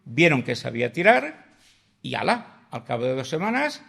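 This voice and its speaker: Older man, gravelly voice, animated storyteller, podcast guest. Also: medium pitch, normal speed. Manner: vivid anecdotal storyteller, acts out dialogue, swears casually.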